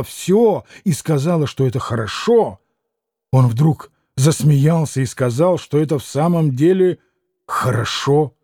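A man's voice: on the high side, dark tone, dry recording, clean studio sound. A man voicing a proud, tormented young girl who speaks feverishly, pleading and breaking into outbursts.

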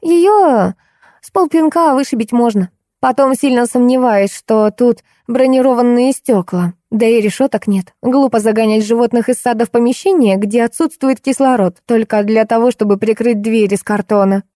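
A woman reading the lines of a lively, cheeky teenage girl in an audiobook, in a brisk, arguing way, with a mellow voice. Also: on the high side, dry recording, clean studio sound, voice pushed up, lightly acted. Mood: matter-of-fact.

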